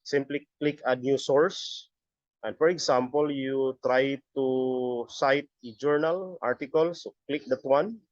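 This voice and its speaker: A middle-aged man giving a step-by-step software tutorial as an instructor, halting and often repeating his words. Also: mid-range voice, no room sound. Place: busy area, on a video call or webcam setup. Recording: dull lo-fi audio.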